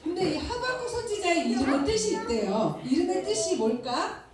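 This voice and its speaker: A woman's voice: very high voice, normal speed, a crowd in the background. A woman teaching Sunday school, telling a Bible story to children, acting out the characters' words and asking the children questions. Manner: animated, acts out prophet's and God's words, asks children questions. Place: church hall. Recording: very echoey church hall, distant mic.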